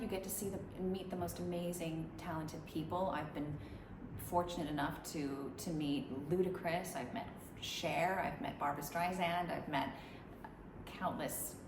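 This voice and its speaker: Her low voice carrying vocal fry, a musician interviewee in Dubai rambles at length in a relaxed conversation, restarting often. The room echoes and there's background noise.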